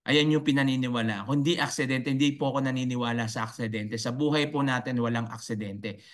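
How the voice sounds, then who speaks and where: A man from the Philippines giving an online business coaching talk, preachy and faith-filled, who keeps asking his viewers "right?" and lets his voice rise high on emphasis. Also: fairly even intonation, a little fast. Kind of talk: motivational live talk to viewers.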